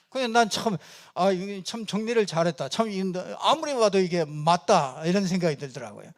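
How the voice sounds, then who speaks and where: A man preaching a conversational sermon from a church pulpit, animated and chatty, with frequent fillers and chuckles. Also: high voice, normal speed, long pauses. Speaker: pastor.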